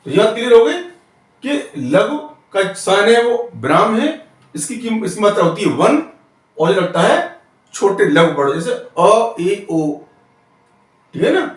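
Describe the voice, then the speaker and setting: A man's voice: high-pitched, big pitch swings, a little slow, long pauses, heavy reverb, recorded from a distance. A man teaching Hindi grammar in a classroom style, explaining step by step and often asking the students questions.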